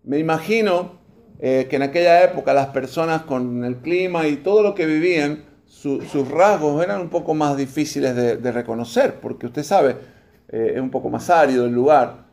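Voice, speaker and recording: A man's voice: fairly high pitch, moderate pace, vocal fry, a little mellow. A man over forty preaching a sermon, reading scripture aloud and putting questions to his congregation. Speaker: pastor.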